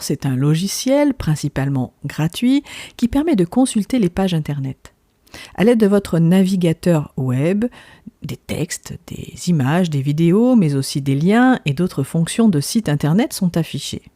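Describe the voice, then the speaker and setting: A woman's voice: deep voice, warm tone, no room sound, clean studio sound. A woman from the south of France hosting a podcast, delivering a scripted monologue with conversational asides and questions put straight to the listener. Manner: rhetorical questions, addresses listeners directly. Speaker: podcast host.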